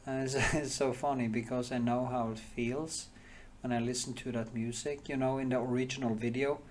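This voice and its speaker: A man's voice: mid-range voice, steady tone, normal speed, darkish tone, slight background noise. Middle-aged male painter, Norwegian accent, casual rambling teaching chat with frequent restarts. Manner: rambling, candid, many restarts and trailing phrases. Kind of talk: casual reflective talk while painting.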